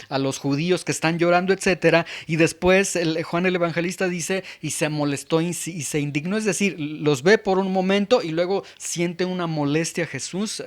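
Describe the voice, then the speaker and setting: A man preaching an expository sermon in an emphatic manner, repeating words and stressing key terms. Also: fairly high pitch. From Mexico. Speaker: pastor.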